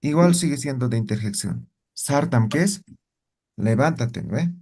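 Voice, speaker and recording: A man teaching a language class, explaining slowly and often asking his students questions with tag questions. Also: medium pitch, animated, darkish tone, breathy edge.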